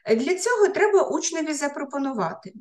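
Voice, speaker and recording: A woman with a high voice lectures fellow teachers as an education researcher. She pauses often on filler sounds and restarts words mid-way. The recording has a roomy echo around her. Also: big pitch swings, darkish tone.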